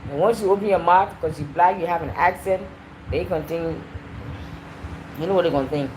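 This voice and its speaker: A woman hosting a casual livestream, chatty and animated as she talks straight to her viewers. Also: lowish voice, fairly quick, slight background noise, low-quality recording. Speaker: livestream host. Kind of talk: casual live-stream chat.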